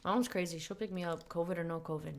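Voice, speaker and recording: A woman's voice: lowish voice, quick pace. A woman co-hosting a casual home podcast, playful and teasing, swearing freely. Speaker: podcast co-host.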